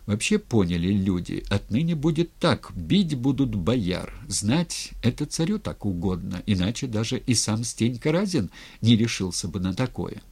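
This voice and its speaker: A man reading a historical novel aloud in an expressive, dramatic way. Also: fairly low pitch, creaky, slightly rough. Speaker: narrator. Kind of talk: audiobook reading.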